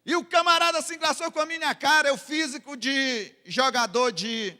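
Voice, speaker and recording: A man's voice: very high-pitched, normal speed, sharp tone, big-room sound. A Brazilian man preaching a sermon as a pastor in a church, with dramatic delivery that acts out the scripture lines. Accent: Brazilian Portuguese.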